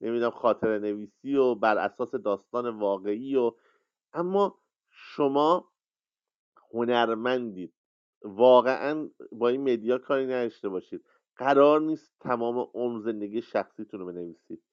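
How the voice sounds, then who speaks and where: A man's voice: mid-range voice, clean tone, no room sound. Hesitant man, dull online audio. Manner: rambling, hesitant, many fillers. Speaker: workshop host. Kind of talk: casual lecture on a live audio chat.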